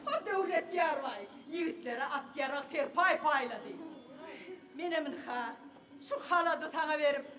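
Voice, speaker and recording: A woman's voice: high voice, moderate pace, fairly bright tone. An actress playing a fond, coaxing mother on a theatre stage. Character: fond older mother of the household. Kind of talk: live stage theatre acting. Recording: echoey stage with audience.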